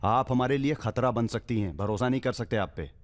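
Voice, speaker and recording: A man's voice: medium pitch, a little fast, close to an everyday voice. An actor dubbing a tough male gang leader in a film, speaking in a blunt, commanding way. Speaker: film character. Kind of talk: Hindi film dub.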